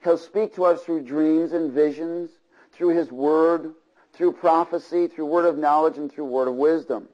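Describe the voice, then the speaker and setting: A man's voice: on the high side, fairly even intonation, a little slow, darkish tone, dull audio. A man preaching a sermon to a congregation, with rhythmic repeated phrases and frequent checks for agreement. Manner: asks the congregation for call-and-response agreement. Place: church before a congregation.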